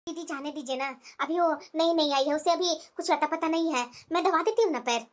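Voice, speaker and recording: A woman voicing a middle-aged mother-in-law in a cartoon, placating to elders and sharp with the new bride. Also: sits high, brisk, close to an everyday voice. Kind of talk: cartoon voice acting.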